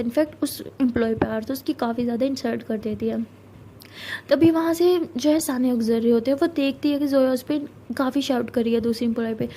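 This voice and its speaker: High-voiced chatty woman storyteller. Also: mellow. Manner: chatty, mixes English words. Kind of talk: casual narration of a love story.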